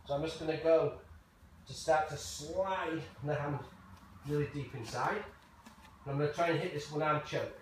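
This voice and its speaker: A male martial arts coach demonstrates moves in short, casual instructions. His slightly high voice carries from a distance through a very reverberant room. He breaks each technique into small steps as he goes. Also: normal speed. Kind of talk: hands-on jiu jitsu demonstration. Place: large echoey indoor training room. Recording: very echoey, noisy room, far from mic.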